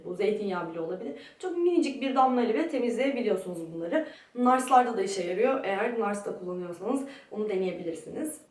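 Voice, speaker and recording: A woman's voice: fairly high pitch, a little mellow. A young woman giving a casual product review to camera as a beauty vlogger, in a very echoey room. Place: very echoey room in a friend's home. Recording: echoey room, distant microphone.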